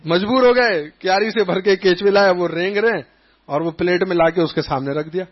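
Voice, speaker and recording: High-voiced man preaching a story sermon. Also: slightly rough. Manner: animated storytelling, acting out quoted voices. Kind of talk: Islamic sermon with anecdotes. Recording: dull lo-fi recording.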